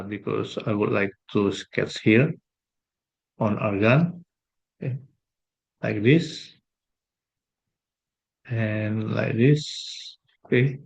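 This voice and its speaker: A man working through an exam problem as a math tutor, thinking aloud with pauses and fillers. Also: mid-range voice, creaky, muffled recording. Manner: slow, hesitant, thinking aloud while sketching. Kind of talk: exam solution walkthrough.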